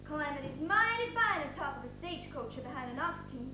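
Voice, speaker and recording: A woman's voice: high-pitched, very animated, fast, echoey room, background noise. An actress playing a spirited, knowing young frontier woman in an old western musical film, American, with a folksy, pointed, persuasive manner. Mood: scolding.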